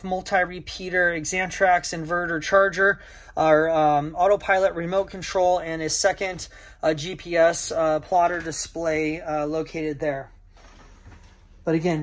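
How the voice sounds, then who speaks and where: Filmed first-person on a handheld camera, a middle-aged yacht broker casually narrates a sailboat tour in a marina, covering the deck and the cabin below. His voice sits high, and he fills his feature rundown with frequent "uh"s.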